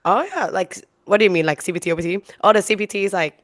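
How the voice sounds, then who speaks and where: A woman's voice: mid-range voice, expressive, very fast, no room sound, clean studio sound. A young woman from Thailand, co-hosting a podcast in casual chat, chatty and laughing often. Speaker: podcast co-host.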